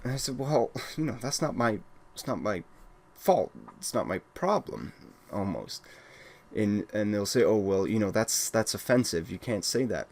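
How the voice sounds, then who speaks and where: A young man from Wales with a lowish voice vents in a blunt, exasperated monologue. He keeps restarting his sentences as he talks at his computer, with soft keyboard typing behind him. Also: sing-song, moderate pace. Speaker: gaming channel host. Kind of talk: casual ranting monologue.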